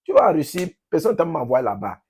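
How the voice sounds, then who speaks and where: A man from Cameroon with a Cameroonian French accent, talking casually to his subscribers in an emphatic, repetitive, halting way. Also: fairly high pitch, wildly swooping pitch, gravelly, darkish tone, a little hiss or hum. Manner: emphatic, repeats phrases, halting with restarts. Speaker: vlogger, language teacher.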